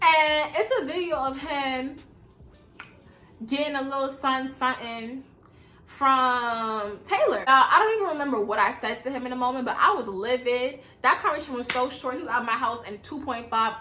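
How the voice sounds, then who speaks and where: A woman's voice: sits high, normal speed, echoey room, slight background noise. A woman of about twenty, telling a casual, slangy, profane storytime to her viewers. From New York. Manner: animated, slangy, profane, addresses viewers as y'all. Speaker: vlogger.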